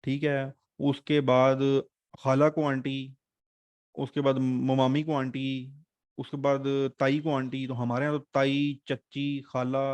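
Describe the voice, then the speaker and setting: A male teacher runs an online exam-prep class in a chatty, joking way. His voice sits at an ordinary middle pitch and is recorded dry and close on a desk mic, with no room sound. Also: a little mellow, no room sound, lo-fi sound. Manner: chatty, joking teacher mixing English terms.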